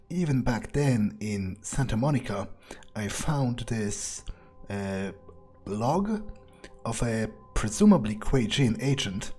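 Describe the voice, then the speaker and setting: His voice is medium-pitched and darkish as he improvises, in character, a sardonic vampire's gameplay monologue. This let's player muses to himself in a hesitant, casual way, leaning on dry, morbid humor.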